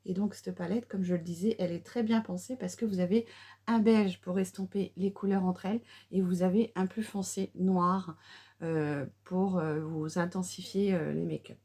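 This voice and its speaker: A woman's voice: fairly low pitch, steady tone, normal speed, mellow, husky. A middle-aged woman chatting through a casual makeup tutorial, with many fillers and restarts. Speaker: beauty vlogger.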